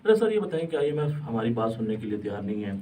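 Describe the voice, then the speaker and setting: A man's voice: mid-range voice, very animated, dark tone. A man interviewing a guest, asking brief questions and giving short acknowledgements. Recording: distant mic with faint noise.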